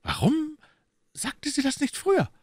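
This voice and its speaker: A man's voice: very high-pitched, wildly swooping pitch, measured pace, no echo, clean studio sound, pitched above the performer's own voice, exaggerated voice. A man voicing an imperious, scheming older cardinal who questions sharply, in a storybook reading. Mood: urgent. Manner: sharp, probing interrogation.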